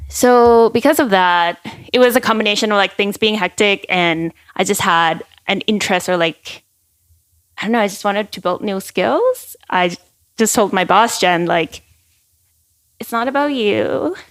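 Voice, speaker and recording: A young woman, a podcast guest, chatting casually and telling stories with quick acted-out quotes and lots of "like". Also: medium pitch, fairly bright tone. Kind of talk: casual chat.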